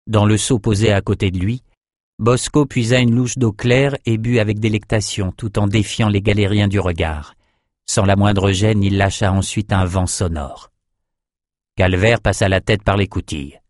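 A man narrating a fantasy audiobook in a measured, even storytelling manner. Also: fairly low pitch, dry recording, studio quality.

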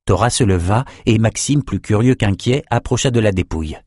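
Male audiobook narrator, low, measured, dry booth sound. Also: darkish tone, no echo.

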